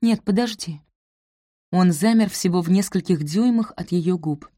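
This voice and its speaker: A woman narrates a romance novel in a smooth, even way. Her voice sits low and sounds warm and mellow. The recording is close and dry. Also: moderate pace, dry recording. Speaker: audiobook narrator.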